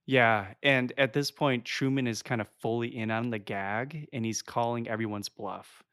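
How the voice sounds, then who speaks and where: A man's voice: mid-range voice, fairly bright tone, clean tone, no echo, clean studio sound. A man co-hosting a podcast, recapping a film scene in an affable, easygoing way. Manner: affable, quick to laugh and agree. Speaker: podcast co-host. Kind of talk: casual film breakdown chat.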